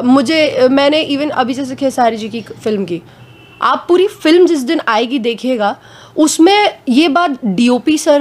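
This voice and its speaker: A woman actress giving a casual interview at home, talking frankly and a little hoarse from a cold, slipping English phrases into her speech. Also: sits high.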